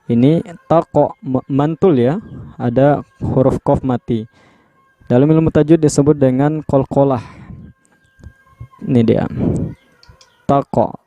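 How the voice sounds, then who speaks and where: A man's voice: medium pitch, dark tone, no echo. A man with an Indonesian accent teaching Quran recitation rules, reciting verses and explaining each rule patiently with many repetitions. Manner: explains patiently, repeats terms, slows to spell out sounds. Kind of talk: Quran recitation and tajwid lesson.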